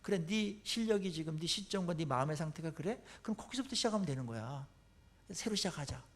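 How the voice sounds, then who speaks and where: A man voicing God as a patient, fatherly coach, speaking softly and reassuringly. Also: on the high side, lively intonation, quick pace. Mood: gentle.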